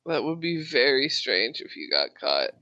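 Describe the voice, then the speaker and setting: A game master chatting casually while running a tabletop game, with pauses to think. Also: mid-range voice, big pitch swings, bright, forceful tone, dry recording, highs cut off.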